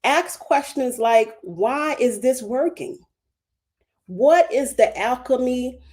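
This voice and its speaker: On a livestream, a spiritual guest from Baltimore, USA, with a Baltimore accent speaks passionately and emphatically, building her points through repeated phrases. Her high voice is expressive and a little mellow, and she takes it slowly.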